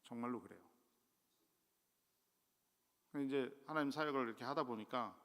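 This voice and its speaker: Middle-aged man, gravelly bright voice, guest pastor, chatty self-mocking sermon, church reverb. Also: medium pitch, very fast. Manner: conversational, self-deprecating preaching with sudden loud rises. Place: church sanctuary. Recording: long church hall reverb.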